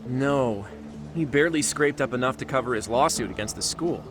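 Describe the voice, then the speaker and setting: An actor voices a man walking his detective partner through a case in a game cutscene, sounding explanatory over background music. The mid-range voice is brisk and close to how someone talks every day.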